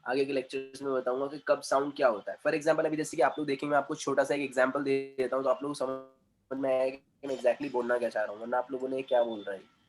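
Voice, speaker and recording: Speaking fast in a level, medium-pitched voice, a male communication trainer lectures his class, going over points at length, repeating things, and making sure the students keep up. Faint music plays in the background.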